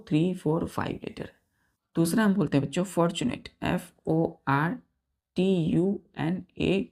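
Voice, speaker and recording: A male teacher with a gravelly, fairly high-pitched and slightly mellow voice gives a vocabulary lesson. He spells words letter by letter, counts aloud, often addresses the students, and repeats key words slowly with drawn-out pronunciation.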